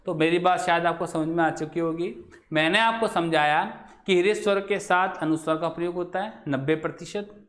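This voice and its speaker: A man with a high-pitched voice gives a classroom lesson on grammar. He keeps asking his listeners questions and then answers them himself. He says example words over several times, slowly, so the sounds come through. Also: fairly bright tone. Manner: repeats example words slowly to show how they sound. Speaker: Hindi grammar teacher. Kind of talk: classroom lecture.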